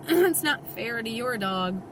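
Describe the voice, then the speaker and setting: Over a noisy background, a woman vlogger rants to camera in an exasperated, emphatic manner, acting out quoted voices and talking out of the side of her mouth with part of her face numb. Her voice is on the high side, with lively intonation, and she takes it slowly.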